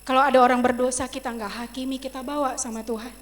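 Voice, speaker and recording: A middle-aged woman preaching a personal testimony in a church service, swinging from loud emotional outbursts to soft asides as she addresses the congregation. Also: high-pitched, steady tone, quick pace. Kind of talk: sermon testimony.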